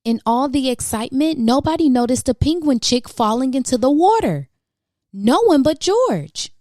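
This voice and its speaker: Reading a children's picture book at a moderate pace, this soft-voiced, mellow host plays up questions and exclamations with animated pitch swoops for young listeners. It's a dry, close-miked recording.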